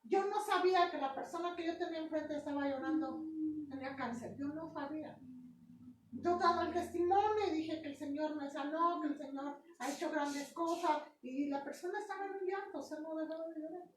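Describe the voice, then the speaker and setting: A woman's voice: high voice, fairly quick, a little hiss or hum. A woman pastor preaching a sermon, repeating phrases with emphasis, checking in with the congregation and sometimes drawing words out in a sung cadence. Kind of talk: sermon with personal testimony. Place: church sanctuary. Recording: echoey church hall, mic far off.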